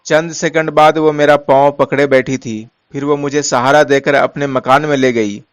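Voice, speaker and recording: A man narrating a story in a measured, steady way, softening his voice for quoted lines. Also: a little high, no echo.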